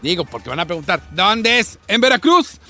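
Lively high-voiced man reading news. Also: faint music behind. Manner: teasing, quick to scold co-hosts. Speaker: news reader on a comedy panel. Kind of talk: playful news reading and banter.

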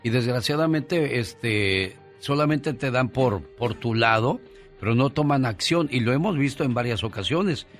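A man's voice: mid-range voice, animated, a little slow, faint music behind. A man hosting a radio talk show, giving conversational commentary.

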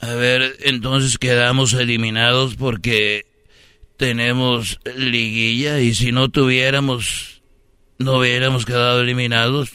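Bright-voiced teasing Mexican man. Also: mid-range voice, flat delivery, measured pace, smooth, no echo. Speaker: comedy sketch performer. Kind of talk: comedy sketch banter.

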